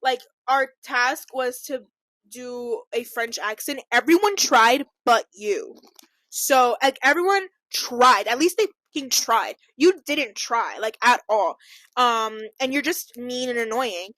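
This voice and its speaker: A woman's voice: fairly high pitch, animated, slow pace, fairly bright tone, no room sound. A young woman co-hosting a podcast, telling a rambling story in casual chat, laughing often and filling her speech with "like". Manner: giggly, rambling storytelling full of fillers. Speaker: podcast co-host.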